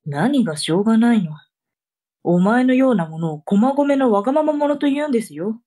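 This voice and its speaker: Bossy comedy mum, acted by a woman: high voice, scolding and ordering, reading-drama delivery. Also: lively intonation, brisk, dark tone. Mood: indignant, scolding. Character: bossy, scolding mother sending children on errands. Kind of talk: comic tongue-twister reading drama.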